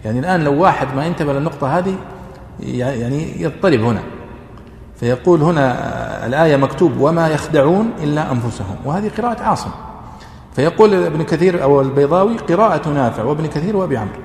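A man, lecturing students on Quranic readings in an explanatory classroom manner and pausing on drawn-out fillers. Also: fairly high pitch, lively intonation, creaky, darkish tone. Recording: echoey hall, faint ambient noise.

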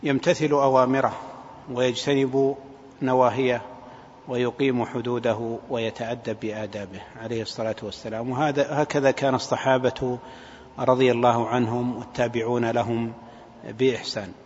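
A man giving a religious lecture in a measured, hesitant way, often repeating his phrases. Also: mid-range voice, level tone, a little mellow. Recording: dull, echoing hall, faint noise.

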